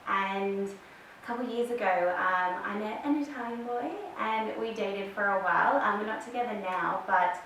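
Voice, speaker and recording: A woman's voice: mid-range voice, fairly bright tone. A woman in her thirties with an Australian accent, chatting as a podcast guest and telling her story with many fillers. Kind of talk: casual interview chat. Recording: echoey room, distant mic, faint hiss.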